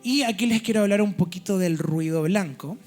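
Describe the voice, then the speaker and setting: A man's voice: high-pitched, fairly quick, darkish tone, soft background music. A man preaching a teaching sermon in a church. He explains step by step and keeps checking in with his listeners.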